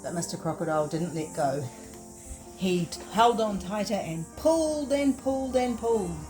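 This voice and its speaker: A woman librarian with a New Zealand accent reading a picture-book story aloud to toddlers in an expressive storyteller voice. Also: medium pitch, moderate pace, faint music behind, low-quality recording. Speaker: children's librarian.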